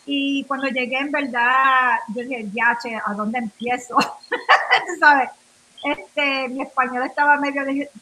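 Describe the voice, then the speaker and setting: On poor audio with a little background noise, a woman speaks slowly in a high, sharp voice with fairly even intonation. She's a Nuyorican New Yorker of Puerto Rican descent, guesting on a radio interview and casually relating her story in meandering Spanish mixed with English, with fillers and restarts.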